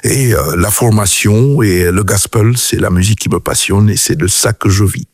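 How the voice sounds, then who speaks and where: A man's voice: lowish voice, normal speed, gravelly, husky, no echo, studio quality. A middle-aged man from Cameroon, a choir director and music producer, answering radio interview questions thoughtfully, with frequent hesitations.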